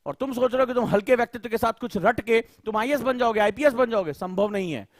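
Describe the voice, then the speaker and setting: A man's voice: very high voice, fast talker, dry recording, clean studio sound. A male coaching teacher lecturing students, firing rhetorical questions and scolding them.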